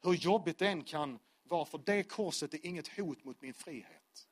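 A man preaching a sermon to a congregation in church, with rhythmic repeated phrases, swinging from full-voiced intensity to hushed lines. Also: a little high. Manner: impassioned, with sudden drops to a hushed voice. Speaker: pastor. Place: church service before a live congregation.

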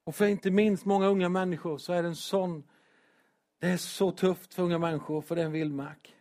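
A pastor preaches in church with earnest emotion, rising to shouts when he presses a point. His voice sits a little high for a man. He breaks up the heavy moments with self-deprecating humor. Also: steady tone. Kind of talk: sermon.

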